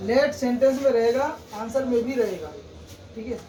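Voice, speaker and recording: Here a man with a very high, dark-toned voice teaches grammar at a normal pace, classroom style. He breaks things down step by step, saying "theek hai" often, nearly after each point. Background noise, room echo, and a far-off mic mark the recording.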